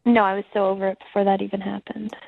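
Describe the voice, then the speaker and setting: A woman's voice: mid-range voice, level tone, quick pace, gravelly. A woman taking a surprise call from a radio show, answering in a guarded, blunt, matter-of-fact way. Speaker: person called on air. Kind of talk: casual phone conversation. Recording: tinny phone line.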